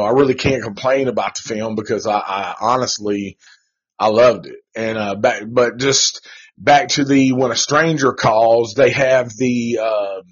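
A man's voice: medium pitch, husky. A man hosting a live show, reviewing a movie in a rambling, profane, laid-back way with lots of slang. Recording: dull lo-fi recording.

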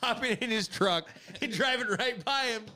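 A young man co-hosting a casual podcast, animated, blunt and joking as he runs through local news. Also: very high-pitched, normal speed. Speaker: podcast co-host.

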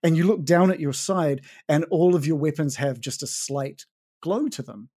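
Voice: mid-range voice, moderate pace, mellow. A game master casually narrating a tabletop game scene, using many fillers.

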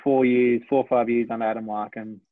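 A man's voice: mid-range voice, level tone, no room sound. Sprinter in his twenties on a tinny line. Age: 20s. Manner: reflective, measured, self-correcting. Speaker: sprinter, interview guest. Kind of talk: casual interview talk. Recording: dry, tinny phone-like line.

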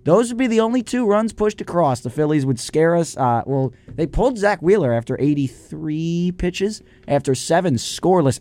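A young man co-hosting a college sports radio show, giving casual game recaps with dramatic, drawn-out emphasis. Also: medium pitch, a little mellow, no room sound.

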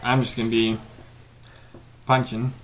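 A man's voice: mid-range voice, little pitch movement, unhurried. A man chatting casually and tentatively as a player in a tabletop role-playing game.

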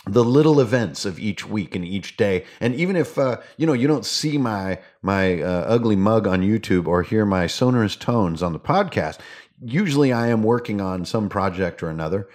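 A man's voice: fairly low pitch, animated, normal speed, darkish tone. A man hosting a casual gaming podcast, rambling along in a playful, theatrical, slangy way. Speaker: podcast host.

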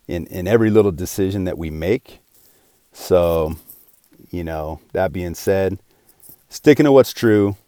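This solo podcast comes from a forties-aged host with a deep, dark, smooth voice. The sound is clean studio audio with no echo, and he talks casually and sincerely, wandering off and starting sentences over often.

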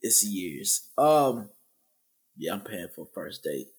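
Animated young man, lively pitch. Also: slow. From Georgia, US South. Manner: animated, profane, joking boasts. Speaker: podcast co-host. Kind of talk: casual podcast banter.

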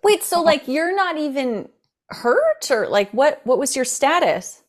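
A woman's voice: high voice, big pitch swings, unhurried. A woman hosting an interview, jumping in with curious follow-up questions. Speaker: host.

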